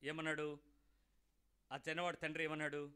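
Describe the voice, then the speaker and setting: A middle-aged preacher with a high, bright, ringing voice. He drives his sermon with emphatic rhetorical questions, one after another. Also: completely flat delivery, moderate pace, smooth. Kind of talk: Telugu sermon.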